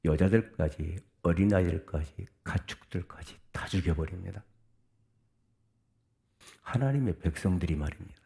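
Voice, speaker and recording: Low, mellow-voiced male pastor preaching. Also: moderate pace, gravelly, pauses often. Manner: preaching with sudden loud outbursts for God's voice; reads scripture aloud with the congregation. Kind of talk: sermon.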